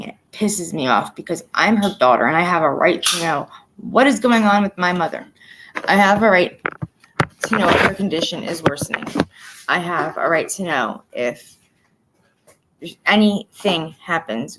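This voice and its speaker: A woman's voice: lowish voice, a bit bright, a little hiss or hum, low-quality recording. A woman giving an emotional personal update, talking bluntly and with swearing, repeating herself for emphasis. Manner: blunt and profane, venting frustration. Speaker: vlogger.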